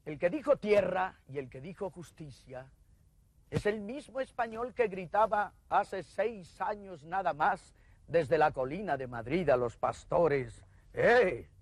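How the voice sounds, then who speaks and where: A man reciting poetry dramatically, swelling to calls and dropping to hushed lines. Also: high-pitched, animated, unhurried, no room sound.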